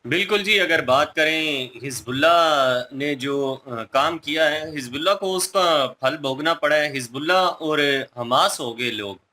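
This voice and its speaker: A reaction video co-host, a man with a fairly high, sharply bright voice, casually shares his opinions and explains his points with emphasis.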